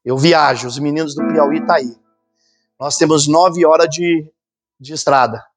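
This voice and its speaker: A man preaches with fervor from a church stage, his voice sitting a little higher than most men's. He slips into the voices of the people he quotes as he goes. Steady music plays clearly beneath his words. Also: unhurried. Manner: fervent preaching, acts out quoted voices and sounds. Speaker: pastor. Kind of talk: sermon. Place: church conference hall. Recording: sermon with music playing underneath.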